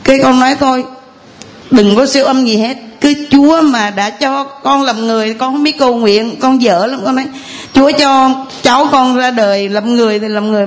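A woman, telling a long, rambling, earnest story of faith to a priest in church. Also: a little high. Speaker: parishioner giving testimony. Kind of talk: tearful church testimony.

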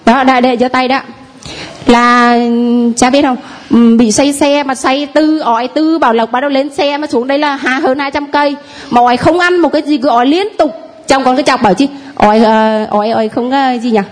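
A woman's voice: high-pitched, fairly even intonation, fairly quick. A woman telling the priest and congregation about healings, speaking hesitantly with many fillers. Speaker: congregant giving testimony. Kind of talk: spoken testimony.

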